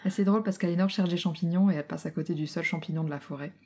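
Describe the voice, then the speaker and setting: A woman co-hosting an audio commentary in casual chat, talking softly and explaining the jokes with easy laughter. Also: fairly even intonation, a little hiss or hum. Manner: deliberately soft, low-volume talk.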